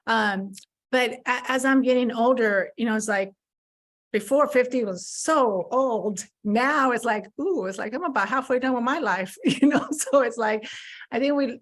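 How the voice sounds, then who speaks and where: A woman in her fifties, appearing as a podcast guest, speaks openly about mistakes she has made, frequently repeating words as she starts over. Her voice is fairly high, and she talks at a moderate pace in this candid conversational interview.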